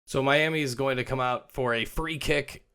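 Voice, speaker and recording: A young man narrating football clips as a comic voice-over host, joking and dropping into quick silly voices for the players. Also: medium pitch, steady tone, bright, forceful tone, clean tone. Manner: jokey, puts on players' voices in quick asides.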